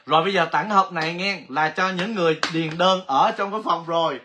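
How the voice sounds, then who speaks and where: Excitable high-voiced man hosting a livestream. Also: fairly quick, background noise. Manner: chatty and excitable, exclaiming often. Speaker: livestream host. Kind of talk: casual livestream giveaway chat.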